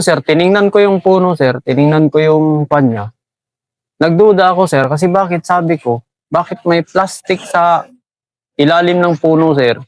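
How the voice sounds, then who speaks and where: A man's voice: on the high side, no room sound. A middle-aged Filipino man, a special forces team sergeant, recounting a combat story respectfully and calling his interviewer "sir" at nearly every phrase. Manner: deferential, says "sir" constantly.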